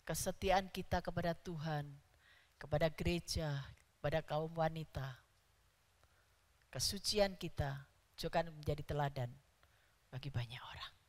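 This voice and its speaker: A woman preaching a sermon in a church, stressing key words loudly. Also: deep voice, moderate pace, long pauses. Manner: emphatic, rising to loud stresses on key words. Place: church hall. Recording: church hall reverb.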